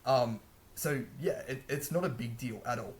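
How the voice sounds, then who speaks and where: A man's voice: mid-range voice, normal speed. A man giving casual language-learning advice to camera, rambling and correcting himself as he goes. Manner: rambling, chatty, frequent restarts and self-corrections. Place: a room indoors.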